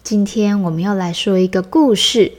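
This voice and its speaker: A woman, softly narrating a children's bedtime story as the show's host. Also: medium pitch. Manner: soft, soothing and deliberate.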